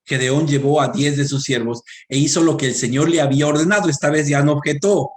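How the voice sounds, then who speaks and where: A man preaching a sermon, reading scripture aloud and speaking directly to the congregation, rising to loud emphatic peaks and dropping to quiet low asides. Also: brisk. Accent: Latin American Spanish.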